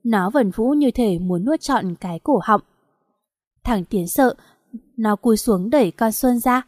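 A woman's voice: fairly high pitch, a little slow, darkish tone, dry recording. Woman narrating a novel, dry close sound. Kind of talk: scripted audiobook narration.

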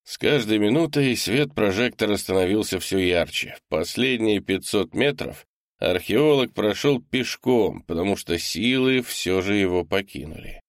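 A man narrating an audiobook in a steady, measured way. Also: fairly low pitch, no echo, studio quality.

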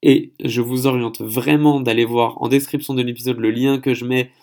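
A man's voice: medium pitch, fairly even intonation, moderate pace, darkish tone. A man hosting a solo podcast episode, speaking in a chatty, hesitant way and stumbling over foreign names. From France. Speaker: podcast host.

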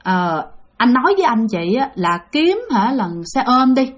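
A woman's voice: fairly high pitch, very animated, moderate pace. A woman with a Southern Vietnamese accent voicing a frightened young wife, pleading anxiously.

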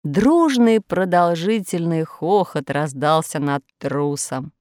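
A woman narrating a storybook in an expressive storytelling way. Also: fairly low pitch, unhurried, dry recording, studio quality. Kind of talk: storybook reading.

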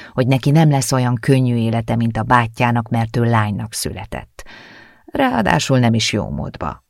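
Gravelly male audiobook narrator. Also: mid-range voice, darkish tone, no room sound, clean studio sound. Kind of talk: scripted narration.

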